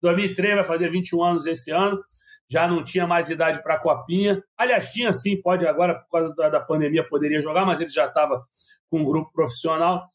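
Chatty, rambling man, higher voice, coughing, dry throat, restarts a lot. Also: fairly even intonation, a little fast. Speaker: sports reporter. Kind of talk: casual podcast chat.

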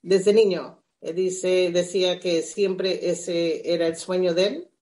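Slow-spoken reflective woman. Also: on the low side, fairly even intonation, warm tone. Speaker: interview guest. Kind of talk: conversational interview.

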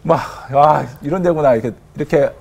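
A man's voice: fairly high pitch, brisk, gravelly, lo-fi sound, a loud crowd. A man working as a prison officer, telling stories as a guest in an interview and acting out the quotes. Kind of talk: storytelling in a talk show interview.

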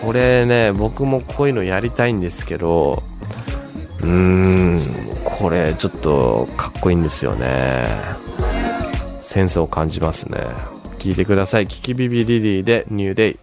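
A man hosting a casual music radio show, chatting with enthusiasm about songs, with many fillers and pauses. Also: deep voice.

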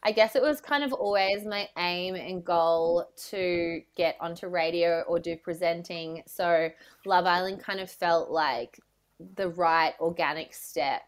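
A woman's voice: lowish voice, a little slow. A woman chatting casually as a guest in a podcast interview. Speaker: podcast guest, reality TV contestant.

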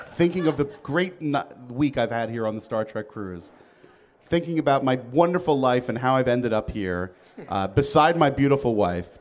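A man's voice: medium pitch, a little hiss or hum. A man hosting an on-stage interview on a cruise ship, playful and rambling. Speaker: host.

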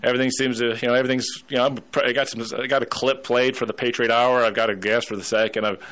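A man's voice: medium pitch, flat delivery, fast, a bit bright. A man hosting a radio talk show, telling stories in a casual, rambling way with many restarts. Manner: rambling, storytelling with put-on voices.

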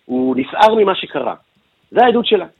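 Husky man briefing on the radio. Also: high voice, very animated, narrow, tinny audio. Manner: detailed explanatory recounting with filler sounds. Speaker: news correspondent.

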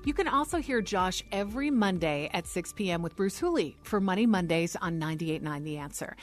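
A woman's voice: on the low side, expressive, fairly quick, faint music behind. A woman hosting a radio show in a conversational presenting style. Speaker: radio co-host.

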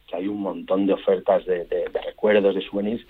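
A man's voice: low-pitched, level tone, a little fast, slightly rough. Eager man on a phone line. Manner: enthusiastic, rambling, many restarts. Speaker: guest, entrepreneur. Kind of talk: radio interview on phone line.

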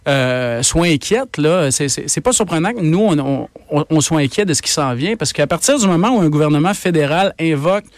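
Emphatic Québécois man, slightly high voice. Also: lively intonation, a little fast, few pauses, dry recording. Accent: Québécois French. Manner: emphatic, argumentative, frequent repetitions. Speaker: economics columnist and professor, guest. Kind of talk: radio interview.

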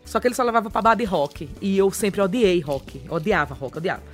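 A woman's voice: medium pitch, a little fast, faint music behind. A woman from Brazil, a comedian chatting as a podcast guest and telling funny stories while acting out the dialogue. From Alagoas, northeastern Brazil. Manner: animated storyteller who acts out dialogue. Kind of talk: casual chat, comic storytelling.

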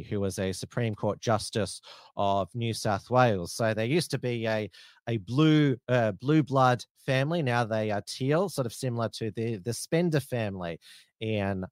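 Male political commentator, informal and hesitant, mid-pitched voice, dry recording. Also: no room sound. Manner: halting, hesitant delivery.

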